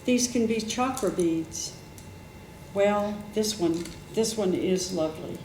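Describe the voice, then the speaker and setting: Slow, musing woman host in an echoey room. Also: medium pitch, darkish tone. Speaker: talk show host. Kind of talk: casual chat. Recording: echoey room with faint noise.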